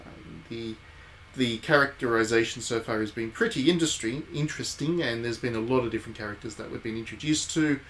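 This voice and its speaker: Former journalist turned game streamer, this man provides casual live commentary with wry, playful asides and some reading of on-screen text. He talks briskly at medium pitch, a bit bright. The recording is rough, with clear background noise.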